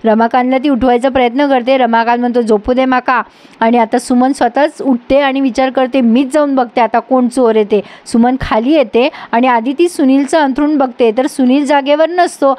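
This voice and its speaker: A woman's voice: high voice, a little mellow, no echo. A woman retelling a TV serial episode as a casual voice-over, talking straight to her viewers. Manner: chatty, addresses the viewers directly. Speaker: storyteller recapping a TV serial.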